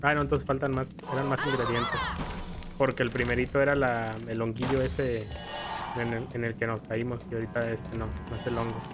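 A Mexican man streams a video game, delivering brisk, rambling, casual commentary peppered with slang and teasing profanity. His pitch is medium and his tone level, with game music running behind his voice.

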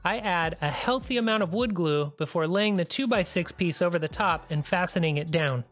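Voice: medium pitch, moderate pace, a bit bright, soft background music. A DIY channel host giving a plain, practical, step-by-step tutorial voice-over.

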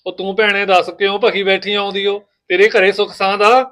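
A man playing a husband caught between wife and sister, rapid, pleading, fast talker, family skit. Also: high-pitched, little pitch movement, pushed and bright.

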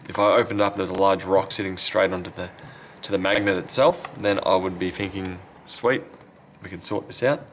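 Fairly quick and with few pauses, a man's low, fairly even voice runs through loose commentary at an indoor repair bench, occasionally muttering to himself. He repairs phones and hosts videos; clear background noise is present.

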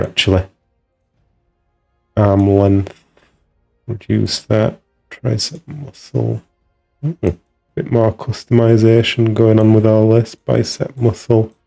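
A man streams a video game, musing and mumbling to himself as he tweaks settings. His voice is low, gravelly and unhurried, with faint music in the background. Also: steady tone, mellow. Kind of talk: casual gameplay commentary.

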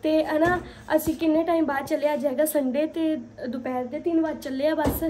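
A woman's voice: high-pitched, fairly even intonation, a little fast. A woman chats casually to viewers in a phone vlog. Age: 20s. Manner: chatty, addresses viewers as "guys". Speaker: vlogger. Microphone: phone at arm's length. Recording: loud music over phone vlog audio.

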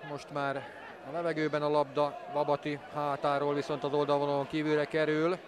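Even-toned male football commentator. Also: fairly high pitch. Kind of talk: measured live football match commentary. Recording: crowd noise from stadium. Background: stadium crowd.

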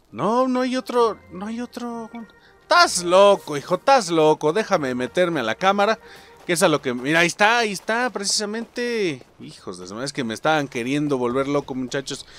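A Mexican-accented man narrating his gameplay, cracking jokes and cursing casually as he chats to his viewers like friends. His voice sits a little high and leaps all over the place, bouncing between excited yelps and muttered asides. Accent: Mexican Spanish. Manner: joking, swears freely, talks to viewers as buddies. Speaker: gaming channel host. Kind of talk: let's play commentary.

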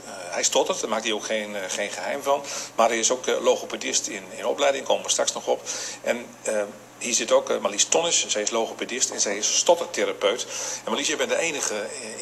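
A man conducts a radio interview on location, firing off short, direct questions at a quick clip. A faint hiss of background noise sits under his voice. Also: medium pitch, vocal fry, a bit bright. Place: café.

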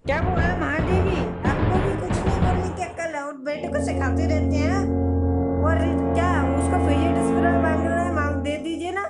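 A young man voicing a loud, bossy mother who shouts at her husband in a comedy sketch. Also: extremely high pitch, fairly even intonation, moderate pace, loud music behind the voice.

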